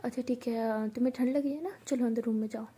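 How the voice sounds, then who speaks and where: A woman puts on a playful, affectionate young woman from a spoken love story. Her voice sits high yet sounds dark, soft and breathy, and she teases and coaxes, often close to a whisper. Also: fairly even intonation, fast. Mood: teasing.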